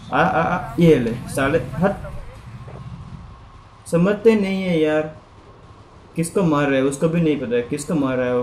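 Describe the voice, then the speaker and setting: Chatty male gaming streamer, slightly high voice, echoey room with faint noise. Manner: excitable, chatty, addresses viewers as guys. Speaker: gaming YouTuber. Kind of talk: casual gameplay commentary.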